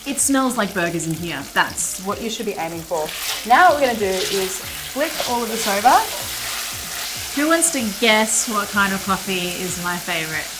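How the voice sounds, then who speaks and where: A woman's voice: medium pitch, expressive, moderate pace, background noise. Chatty woman cooking in a kitchen. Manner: chatty, playful, laughs at herself. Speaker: cooking show host. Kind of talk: casual cooking demonstration.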